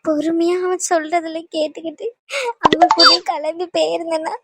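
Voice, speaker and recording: A tearful young woman, played by a woman, blames herself in a cartoon dub. The voice is high and dry, right at the mic. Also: little pitch movement, normal speed, a bit bright, no echo. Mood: guilty. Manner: guilty, sobbing.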